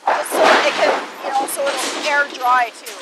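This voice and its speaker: A woman's voice: high-pitched, level tone, moderate pace. Woman touring a noisy sawmill. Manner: casual, explanatory, uses "right?" often. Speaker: mill employee giving a tour. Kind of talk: explaining while walking a tour. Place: loud sawmill floor and yard, indoors and outdoors. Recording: loud machinery noise behind.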